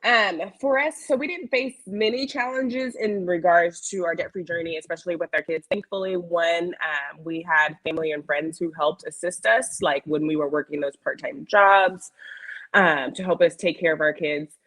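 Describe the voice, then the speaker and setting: A woman's voice: fairly low pitch, fairly even intonation, moderate pace, fairly bright tone, rough recording. A woman in her thirties from San Antonio, a guest on a video call, chatting through her story with frequent ums. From San Antonio, Texas, USA. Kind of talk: casual interview chat.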